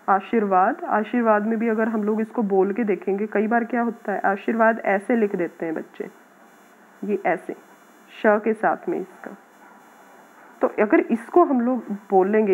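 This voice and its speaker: A woman teacher patiently explaining a grammar lesson to schoolchildren, sounding out words slowly. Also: mid-range voice. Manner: patient, addresses students as "beta", repeats words slowly. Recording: tinny phone-like audio.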